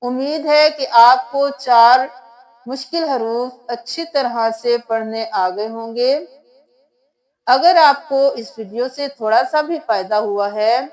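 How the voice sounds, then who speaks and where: A woman's voice: fairly high pitch, a little mellow, low-quality recording. A woman teaching Quran recitation step by step, spelling out letters and sounds one by one. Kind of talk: step-by-step tajweed lesson.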